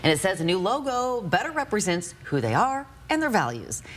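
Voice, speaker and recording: A woman's voice: mid-range voice, huge pitch swings, fairly quick. A woman anchoring a morning newscast, reading news and chatting casually with a co-host.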